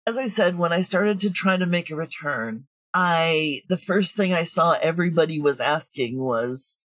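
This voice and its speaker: As a guest in an interview, this middle-aged writer-producer of audio dramas is outspoken, chatty, and sure of herself. She sits low in pitch with a fairly bright tone and speaks at normal speed; there's no echo, but the highs are cut off.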